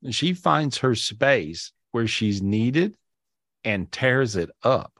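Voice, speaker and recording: A man's voice: mid-range voice, lively intonation, a bit bright, no echo, clean studio sound. Chatty, enthusiastic man on a video call. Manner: chatty and repetitive, many restarts with "and so"; enthusiastic, drawn-out emphatic words. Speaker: spiritual teacher and podcast host. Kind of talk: casual spiritual talk to a live audience.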